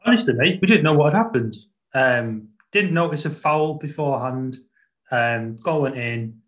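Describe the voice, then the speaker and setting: Male host, average pitch, informal football chat with co-presenters. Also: animated, normal speed, fairly bright tone. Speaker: podcast host.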